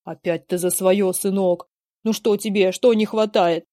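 An old, frail father played by a woman in a verse play, domineering and melodramatic. The tone is soft-edged and mellow, and the lines are declaimed as grand, pleading rhymes. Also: mid-range voice, fairly even intonation, unhurried, dry recording, clean studio sound, natural voice. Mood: lamenting. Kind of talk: dramatic verse play reading.

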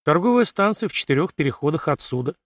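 A man's voice: fairly high pitch, big pitch swings, fast talker, no echo. A man voicing a wry, sarcastic male ship artificial intelligence in an audiobook, with a dry, mocking, matter-of-fact delivery.

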